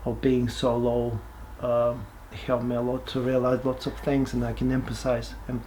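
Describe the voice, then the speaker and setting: A man, giving a halting, reflective personal testimony with many pauses and restarts. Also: mid-range voice, monotone, warm tone, a little hiss or hum. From Bulgaria. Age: 40s. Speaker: person sharing his life story.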